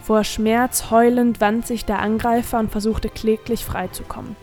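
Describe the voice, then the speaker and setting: A woman's voice: a little high, level tone, moderate pace, a little mellow, soft background music. Woman narrating a fantasy audiobook. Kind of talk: scripted narration.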